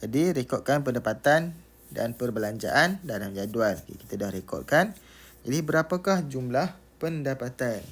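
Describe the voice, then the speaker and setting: A man's voice: mid-range voice, animated, normal speed. A man with a Malaysian Malay accent, a teacher patiently talking students through a maths lesson step by step, repeating key words.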